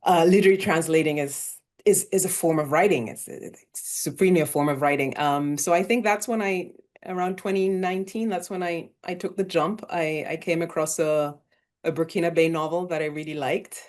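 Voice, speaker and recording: A woman with a slightly low voice, raised in Kenya, speaks on a video call during an online panel. She talks thoughtfully, pausing and restarting as she searches for her words. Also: a little mellow. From Sierra Leone and Uganda, raised in Kenya. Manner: thoughtful, hesitant, many fillers and restarts. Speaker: literary translator, panelist.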